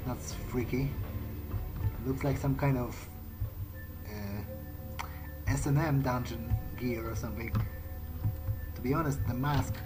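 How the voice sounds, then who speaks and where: A medium-pitched man provides in-character let's play commentary on a video game, sounding hesitant as he thinks aloud. The recording is low quality, with the game's soundtrack clearly audible behind his voice.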